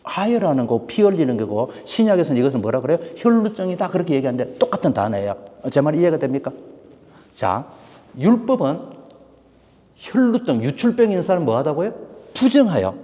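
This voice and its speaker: A man preaching a sermon to a church congregation, animated and full of questions put to the listeners. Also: a little high, fairly quick. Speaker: pastor. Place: church sanctuary. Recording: long hall reverb.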